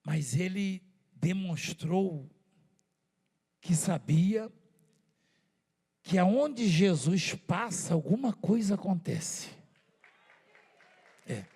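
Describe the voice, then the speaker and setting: A Brazilian-accented male preacher delivers his sermon in a loose, conversational way, leaning on rhetorical questions and repeated words. His voice sits high for a man and has a husky, gravelly grain. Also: lively intonation, extremely slow, pauses often, mellow. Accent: Brazilian Portuguese.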